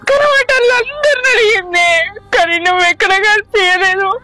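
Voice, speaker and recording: Woman playing a tearful devoted daughter, very high. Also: normal speed, fairly bright tone. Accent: Telangana Telugu. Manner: tearful, emotional pleading. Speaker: actor. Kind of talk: village short-film acting.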